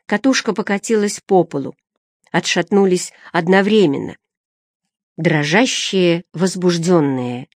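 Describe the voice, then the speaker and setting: A woman narrating a storybook in a steady, expressive reading voice, recorded on a close mic. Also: fairly low pitch, a little slow, no room sound. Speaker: audiobook narrator. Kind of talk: scripted narration.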